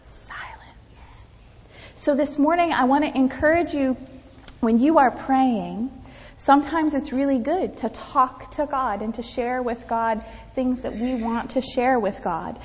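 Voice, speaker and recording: In a church sanctuary, a woman pastor with a high-pitched voice gives a children's sermon at a measured pace. She's animated, keeps asking the kids questions, and often drops to a whisper. The recording is dull and reverberant.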